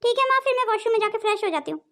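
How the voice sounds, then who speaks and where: A woman's voice: extremely high pitch, lively intonation, racing, a bit bright, heavily acted. Spoiled young cartoon daughter, voiced by a woman. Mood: aggrieved. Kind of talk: cartoon voice acting.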